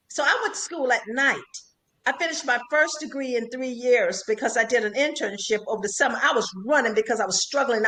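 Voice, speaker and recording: An older woman speaks as a guest on a podcast, counseling listeners in an earnest, emphatic way. She repeats her main points for weight, and her voice sits a little on the high side. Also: bright, forceful tone. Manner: earnest, emphatic, repeats key phrases like a preacher. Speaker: psychologist and radio host, interview guest. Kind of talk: podcast interview, advice-giving.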